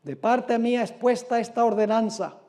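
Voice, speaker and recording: Man, preacher, high voice, sermon, dramatic scripture reading, rhetorical questions. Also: mellow. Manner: asks the audience rhetorical questions; reads scripture aloud with dramatic, drawn-out emphasis.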